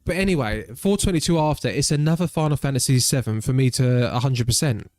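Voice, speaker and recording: A man's voice: mid-range voice, quick pace, darkish tone, no room sound, studio quality. Chatty British man streaming games. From Britain. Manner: rambling, chatty, nostalgic. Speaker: game streamer. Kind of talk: casual live-stream chat.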